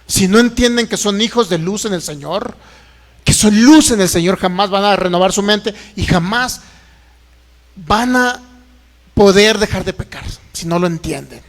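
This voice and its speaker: A man's voice: sits high, normal speed, in a large hall. A man preaching a sermon to an online audience, emphatic and mocking, with frequent exclamations.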